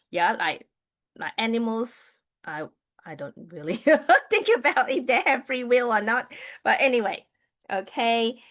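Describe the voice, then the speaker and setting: Her voice on the low side with a fairly bright tone, a Malaysian woman who grew up speaking Mandarin Chinese livestreams casually as a Chinese astrology reader. She chats with viewers, with plenty of fillers and restarts.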